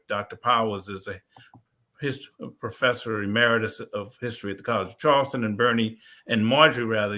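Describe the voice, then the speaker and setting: Halting, thoughtful male author. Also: fairly low pitch, pushed and bright. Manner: thoughtful, with many restarts and fillers. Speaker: author and panel guest. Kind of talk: conversational panel discussion.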